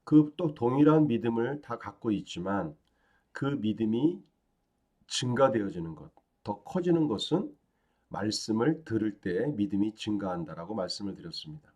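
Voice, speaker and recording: A man as pastor giving a daily devotional sermon, calm and teaching, with frequent fillers and rising emphasis on key phrases. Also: fairly low pitch, moderate pace, muffled recording.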